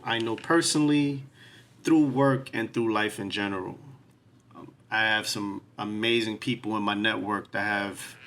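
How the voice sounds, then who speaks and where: A New York City man in his 40s hosts his own podcast, speaking alone to open the show. His voice sits on the low side with a sharp edge. He talks earnestly about his life and the podcast, keeping things casual and reflective.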